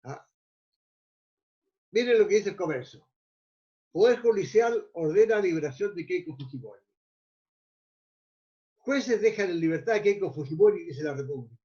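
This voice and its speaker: A man teaches a class, his voice pitched rather high. He lectures in a loose, wandering way and stumbles over repeated words while he hunts for the next phrase. The recording sounds muffled and lo-fi. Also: expressive, moderate pace, long pauses, dark tone. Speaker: mindfulness teacher.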